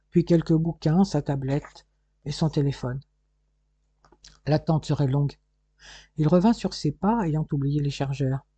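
A male narrator reads a novel aloud in a measured storytelling manner. His voice is very dark and mellow, with a husky texture and a slightly raised pitch. The recording is dry and close. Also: dry recording, lo-fi sound. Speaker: audiobook narrator. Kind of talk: scripted narration.

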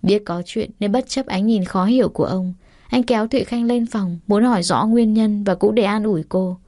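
A woman narrates a romance audiobook in a steady, even manner. Her voice is mellow and warm rather than bright. The recording is dry and close to the mic. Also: mid-range voice, normal speed, dry recording. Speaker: story narrator.

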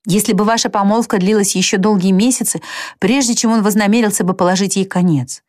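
Woman doing a gentle, steady elder sister. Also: fast talker, no room sound, clean studio sound, lightly acted. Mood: earnest. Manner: low, soft, steadying.

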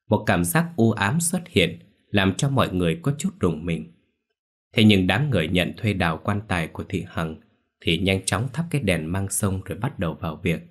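A man telling a ghost story in a steady, measured scripted narration. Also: sits low.

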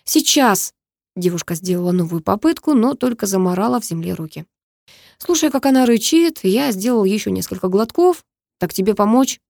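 A woman reading a first-person story aloud in an even storytelling manner. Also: mid-range voice, brisk, gravelly, no echo, clean studio sound. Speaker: audiobook reader.

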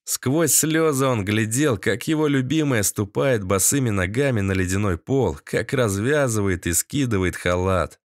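A man narrating an audiobook in a steady, dramatic reading. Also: on the low side, moderate pace, few pauses, no echo, clean studio sound. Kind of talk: scripted narration.

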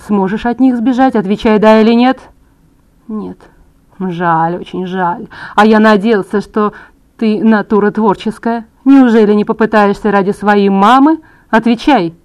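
A smooth-talking male villain, voiced by a woman reading a storybook audiobook. He speaks slowly and quietly, keeping a cool, threatening calm. The menace stays under the surface. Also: medium pitch, lightly acted. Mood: cold menace.

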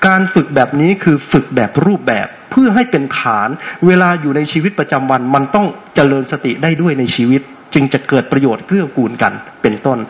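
Guy teaching meditation to a class, kinda high voice, playful, keeps asking questions. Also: low-quality recording. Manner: asks frequent rhetorical check questions; playful, teasing with audience. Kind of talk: interactive dharma talk to a class.

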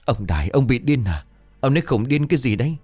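A man's voice: medium pitch, big pitch swings, darkish tone, soft background music, voice pushed up. A man voicing a stunned middle-aged mother who stammers in a rush in a ghost story. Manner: stammering, rushed.

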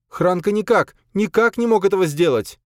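A man voicing a frightened young woman who speaks in a shrill, urgent tone. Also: lively intonation, moderate pace, dry recording, studio quality, lightly acted. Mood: pleading.

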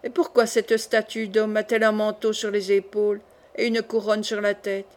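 A woman's voice: mid-range voice, monotone, moderate pace, natural voice. A woman reading the part of a stern male presiding judge in an audiobook, commanding and curt.

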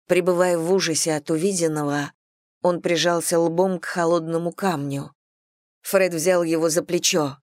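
Woman narrator for a fantasy audiobook, lowish voice, dry close sound. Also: no echo. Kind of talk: scripted narration.

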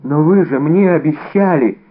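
A man's voice: moderate pace, close to an everyday voice. A man reading an audiobook, voicing a frightened, pleading haberdasher in a narrow, phone-like recording. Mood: timid. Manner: shrill panicked pleading.

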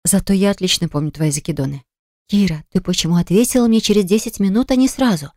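A woman's voice: mid-range voice, fast talker, dark tone, no room sound, studio quality, close to an everyday voice. A woman voicing a hurt young woman who answers her ex-fiancé in a cutting, reproachful way, in an audiobook. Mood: accusing. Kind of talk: audiobook dialogue reading.

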